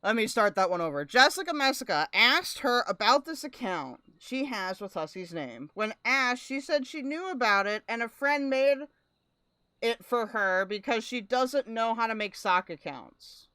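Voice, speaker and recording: A woman's voice: a little high, lively intonation, moderate pace, bright, forceful tone, clean tone, no echo. A woman streamer giving casual live commentary and reading chat comments aloud. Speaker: streamer reacting to a recording.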